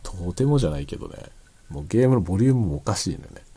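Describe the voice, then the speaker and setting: A man chatting casually and quietly late at night, rambling as he explains, often trailing into soft asides. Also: expressive, racing, husky. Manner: quiet, low-voiced late-night talk. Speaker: streamer chatting to listeners.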